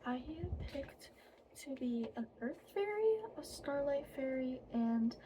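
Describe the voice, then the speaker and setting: A high, breathy woman's voice in an ASMR role-play as she acts out a friendly, apologetic fairy. She takes her time, pausing hesitantly between casual phrases. Noticeable noise sits behind the soft delivery. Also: animated, poor audio. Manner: hesitant, informal, many trailing pauses. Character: friendly, apologetic young fairy guiding a newly hatched fairy. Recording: clearly audible background noise.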